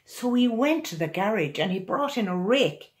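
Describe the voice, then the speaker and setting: An older woman of about sixty-something, who wrote the picture book herself, reads it aloud for a young audience. Her mid-range voice is animated and expressive, and her deliberate storytelling was captured in a small home room.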